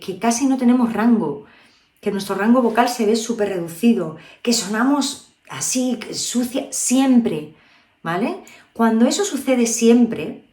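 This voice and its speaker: A woman's voice: mid-range voice, a little mellow. A woman from Spain, a vocal coach, giving a chatty video lesson and often checking in with her viewers. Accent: Spain Spanish. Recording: echoey room.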